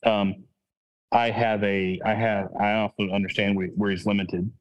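Rambling man, low voice. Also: little pitch movement, moderate pace, lo-fi sound. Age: adult with a child. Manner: rambling, full of restarts and self-corrections. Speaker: podcast host. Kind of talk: casual sports chat.

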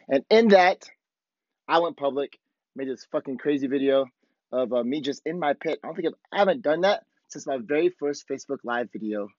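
A hoarse man with a worn-out voice hosting a podcast, talking casually and candidly in a rambling, profanity-heavy motivational monologue. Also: mid-range voice, a little mellow. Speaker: podcast host. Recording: dull, lo-fi, roomy echo.

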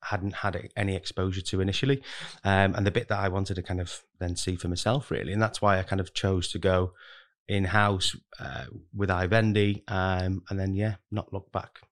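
A man with a deep voice talks at a normal speed in a level tone, appearing as a podcast guest who works as a recruitment manager. In casual interview talk he rambles while explaining himself, hedging heavily with "kind of" and "really."

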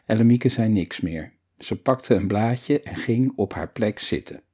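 A man reading a children's story aloud in an expressive storyteller's manner. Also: lowish voice, measured pace, breathy edge.

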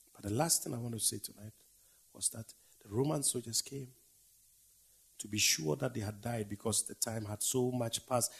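A man preaching a dramatic sermon, swinging from loud declaiming to hushed whispers in a slow, repetitive cadence. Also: mid-range voice, slightly rough.

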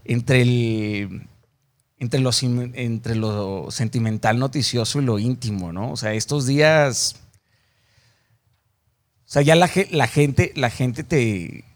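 A man with a Mexican accent hosting a casual interview. He asks long, meandering questions and uses plenty of colloquial slang. His voice has an ordinary, mid-range pitch. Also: takes it slowly. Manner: rambling questions with many fillers and restarts, slangy. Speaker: interviewer, host.

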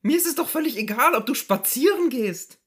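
A woman putting on a shrill nagging housewife. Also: animated, fairly quick, fairly bright tone. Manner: high, insistent, scolding. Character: nagging middle-aged housewife, fussy and reproachful. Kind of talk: comedy sketch reading.

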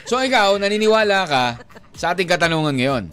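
A Filipino man co-hosts a casual radio show, teasing his partner and laughing easily as he mixes Tagalog and English. His voice sits a bit high for a man. A faint music bed runs under the studio talk. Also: lively intonation, fairly quick, fairly bright tone, clean tone. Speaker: radio DJ co-host.

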